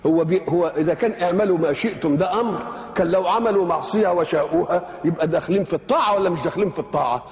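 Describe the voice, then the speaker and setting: A man's voice: high voice, racing, few pauses, a little mellow, in a large hall. An older man with an Egyptian accent explaining scripture in a lecture, posing rhetorical questions and answering them himself in colloquial asides. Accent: Egyptian Arabic. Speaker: Quranic exegete. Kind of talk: religious lecture.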